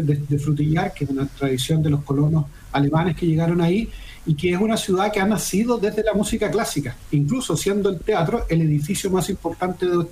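Man, higher voice, formal. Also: darkish tone, a little hiss or hum, low-quality recording. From Chile. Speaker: theater foundation director. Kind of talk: remote interview answers. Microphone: video call.

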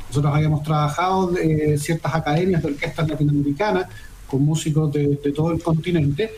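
A man's voice: fairly high pitch, fairly even intonation, brisk, darkish tone, slight background noise, low-quality recording. A man, a theater foundation director, giving formal interview answers over a video call with frequent restarts. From Chile.

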